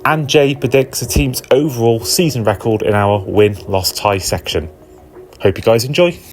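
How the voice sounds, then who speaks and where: Welsh host reading the episode intro, mid voice, music clearly under him. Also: male voice, mid-range voice, moderate pace. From Wales. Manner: upbeat, scripted. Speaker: podcast host.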